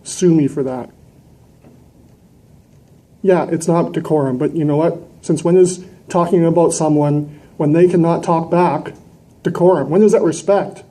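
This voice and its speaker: Speaking into a gooseneck mic held close, this male citizen delegate uses a warm, slightly high voice in a big indoor council chamber. He takes his time and pauses often, yet his address is fiery and confrontational, hammering home points through emphatic rhetorical questions.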